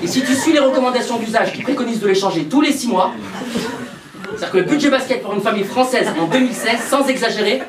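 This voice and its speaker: A man doing a stand-up routine, telling stories in an animated way and speaking to audience members, recorded live from a far mic. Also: very high voice, fast talker, crowd noise. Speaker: stand-up comedian. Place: live stage with audience laughter. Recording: echoey room, far mic, loud noise.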